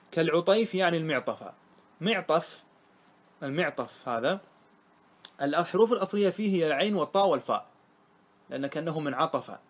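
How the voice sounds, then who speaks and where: A man teaching a grammar lesson, reciting lines of verse slowly and then explaining them, often asking his students questions. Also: on the high side. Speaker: sheikh teaching Arabic grammar. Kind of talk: classroom lesson on a grammar poem.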